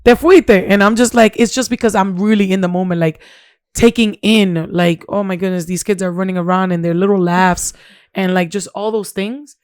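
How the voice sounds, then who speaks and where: A woman's voice: medium pitch, moderate pace, clean tone, dry recording, clean studio sound. Chatty woman in her thirties. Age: 30s. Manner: animated, chatty, switches into Spanish phrases. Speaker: podcast co-host. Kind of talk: casual chat.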